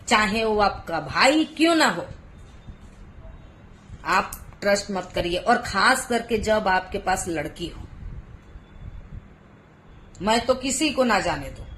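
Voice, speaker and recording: A woman's voice: medium pitch, a bit bright, slight background noise. A woman in her thirties, a mother vlogging from home, talking earnestly and emotionally as she pleads with other parents. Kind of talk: heartfelt personal vlog advice. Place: home, Gujarat.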